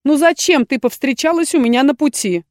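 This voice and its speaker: A woman's voice: fairly high pitch, animated, normal speed, darkish tone, dry recording, clean studio sound, close to an everyday voice. A woman voicing a young female necromancer student who complains dramatically and theatrically. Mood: exasperated. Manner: exasperated, theatrical lamenting. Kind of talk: audiobook character voice.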